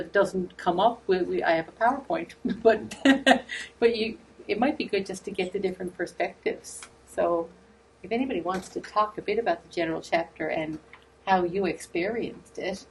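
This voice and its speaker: Woman gently leading a group talk. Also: lowish voice, normal speed, rough recording. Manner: tentative and inviting. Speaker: retreat facilitator.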